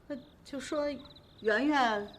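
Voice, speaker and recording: A woman's voice: high-pitched, slow pace, slight background noise. A bossy mother. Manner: loud, bossy, fussing. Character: bossy middle-aged mother and aunt.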